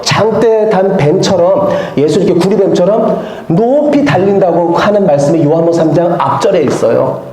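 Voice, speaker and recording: In an echoey church sanctuary, a male pastor with a mellow voice that sits high preaches a sermon, telling a story and putting questions to the congregation.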